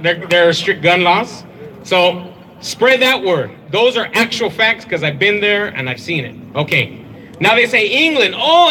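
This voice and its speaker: A man's voice: high voice, bright, forceful tone, low-quality recording. A man giving a punchy, crowd-rousing speech at an outdoor rally. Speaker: rally speaker.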